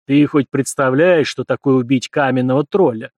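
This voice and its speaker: A man's voice: medium pitch, moderate pace, darkish tone, no room sound, natural voice. A man voicing a skeptical, serious male warrior.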